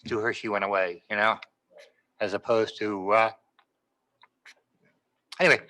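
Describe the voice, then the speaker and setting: An older man on a city board, speaking in a rambling, halting way with many fillers during casual remarks at a public meeting in a council chamber. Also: lowish voice, little pitch movement, pushed and bright, low-quality recording. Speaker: board member.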